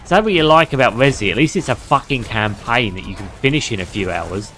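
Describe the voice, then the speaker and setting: A man's voice: mid-range voice, lively intonation, brisk, pushed and bright, a little hiss or hum. A man giving casual gameplay commentary as a streamer, chatty, swearing freely and laughing often. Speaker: gaming streamer.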